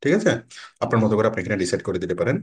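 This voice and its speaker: Man, online course instructor, slow step-by-step explaining, reads English menu labels aloud, close desk mic. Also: lowish voice, animated. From Bangladesh. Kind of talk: screen-recorded tutorial.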